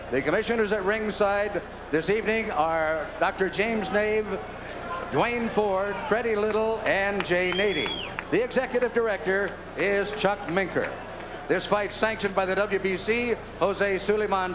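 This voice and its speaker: A man working as a boxing ring announcer, formally introducing fighters and officials with deliberate, projected delivery. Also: high-pitched, background noise. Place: indoor boxing arena.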